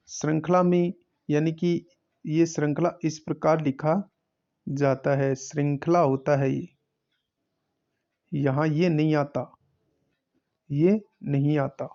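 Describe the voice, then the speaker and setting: A man teaches by working through an exam paper one question at a time, repeating each answer. His voice is fairly high and mellow, and the sound is lo-fi.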